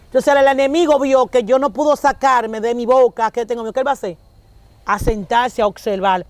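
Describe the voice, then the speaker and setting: A woman's voice: fairly high pitch, brisk, no echo. A woman, preaching conversationally and acting out little dialogues as she talks. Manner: animated, acts out dialogues with shifting voices.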